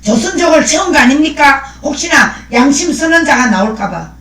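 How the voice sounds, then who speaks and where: Woman, live-stream host, fiery preaching tone, lively swooping pitch, roomy echo. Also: normal speed. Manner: fiery and preachy, thanking viewers by name. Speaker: livestream host. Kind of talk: live-stream commentary reading viewer comments.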